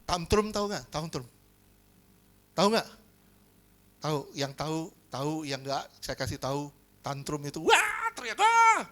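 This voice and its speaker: A male pastor preaching a lively sermon, often asking the congregation whether they agree. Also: on the high side, moderate pace, long pauses. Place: church hall.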